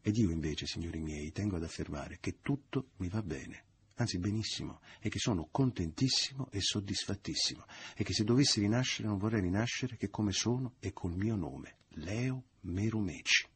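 A man's voice: fairly low pitch, animated, moderate pace, a little hiss or hum, pitched above the performer's own voice. A man doing a smug, jovial teaser. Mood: triumphant. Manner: loud and mocking. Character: jovial, falsely good-natured man, smug and teasing.

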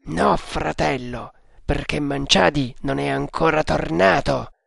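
A man reading as a grim, measured cultist. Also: a little high, vocal fry, a bit bright, dry recording, studio quality, exaggerated voice. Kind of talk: audiobook character voice.

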